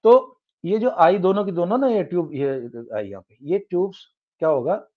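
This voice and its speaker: A middle-aged science tutor with an Indian English accent lectures step by step, switching between Hindi and English and often restarting his sentences. His high, animated voice moves at a moderate pace, recorded with dull lo-fi sound.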